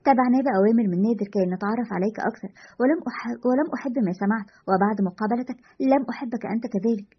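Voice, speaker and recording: A woman voicing a bored, sharp-tongued young witch with a sulky, teasing manner, in a dull lo-fi recording. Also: a little high, rapid-fire, husky.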